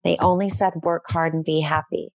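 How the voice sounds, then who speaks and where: Middle-aged woman guest, lowish voice, dry close sound, gushing and chatty. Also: level tone, normal speed, creaky, no room sound. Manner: enthusiastic, effusive, rambling with fillers. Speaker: interview guest. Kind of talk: casual podcast interview.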